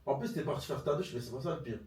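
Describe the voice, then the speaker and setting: A young man, chatting excitably as co-host of a storytelling vlog. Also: medium pitch, rapid-fire, a crowd in the background. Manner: slangy, excitable. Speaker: partner co-hosting the vlog. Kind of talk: casual storytelling chat. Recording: echoey room, off-mic.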